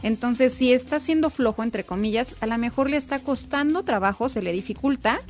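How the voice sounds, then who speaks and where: A woman talks through child development like a specialist, with a fairly high voice. She explains emphatically and acts out parents' words. Soft music plays behind her. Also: fairly quick. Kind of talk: casual expert chat.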